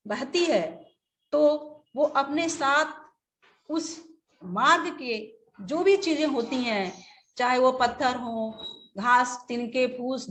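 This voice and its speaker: A woman teacher giving a webinar lecture, speaking slowly and deliberately, now and then acting out short examples. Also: a little high.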